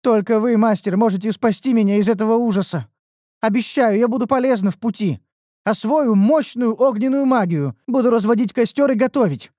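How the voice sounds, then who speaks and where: A narrator voicing an excitable young female red elf, a smith's apprentice, who complains loudly and dramatically in an audiobook. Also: moderate pace, no echo, clean studio sound, close to an everyday voice. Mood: whiny. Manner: whiny and dramatic, loud high outbursts. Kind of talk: audiobook character voice.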